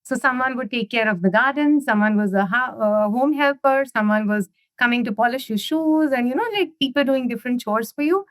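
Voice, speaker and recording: This Indian woman, a guest in a casual interview, talks fairly quickly with few pauses, her slightly high voice recorded close and dry with no room sound. Her long stories keep circling back to "you know" and "right?"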